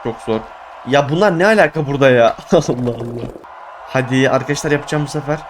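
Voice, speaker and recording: A young man giving excitable let's play commentary, exclaiming and groaning at his failures. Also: medium pitch, quick pace, slight background noise. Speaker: gaming YouTuber.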